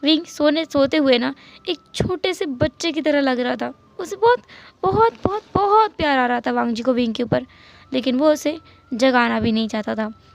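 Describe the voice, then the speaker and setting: A woman narrating a fan story in a lively retelling with English words mixed in. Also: high-pitched, normal speed, vocal fry, dry recording, lo-fi sound.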